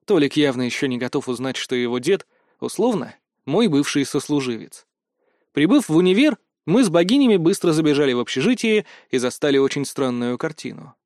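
A man reading first-person audiobook narration with brisk, wry storytelling. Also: a little high, animated, darkish tone, no echo, studio quality.

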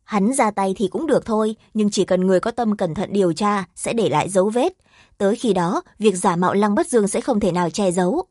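Woman narrator for a fantasy audiobook; steady, mid-pitched, dry. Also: fairly quick, no room sound.

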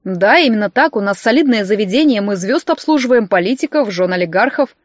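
A woman's voice: medium pitch, animated, brisk, no room sound, lo-fi sound, natural voice. A woman reading an audiobook voices a pompous, defensive male clinic doctor with a smug manner. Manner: smug, then shrieking in panic.

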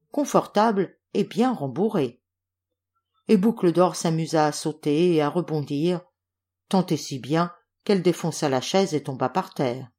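A woman reading a fairy tale aloud as an audiobook, expressive storytelling. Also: fairly low pitch. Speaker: audiobook reader.

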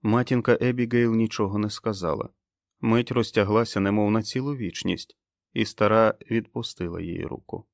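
A man reading a novel aloud as an audiobook narrator, in a measured, expressive way. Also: lowish voice, gravelly, dry recording, studio quality. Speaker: audiobook reader. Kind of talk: scripted narration.

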